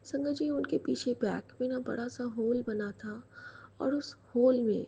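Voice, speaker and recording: A woman, sharing a dream as personal spiritual testimony in a hushed, intimate voice that often drops to a whisper. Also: fairly high pitch, a little slow, vocal fry, muffled recording, slight background noise. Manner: hushed, intimate storytelling with fillers and soft whispered stretches.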